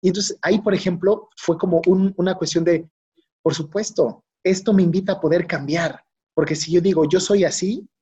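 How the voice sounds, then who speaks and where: A man with a Mexican accent talks through memories in a relaxed interview, acting out the lines of people he quotes. His voice has a husky, breathy edge. The audio is dull and lo-fi. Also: high voice, normal speed. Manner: anecdotal, acts out quoted dialogue, frequent "¿no?" tags. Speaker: guest, psychologist and yoga teacher. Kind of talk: casual interview conversation.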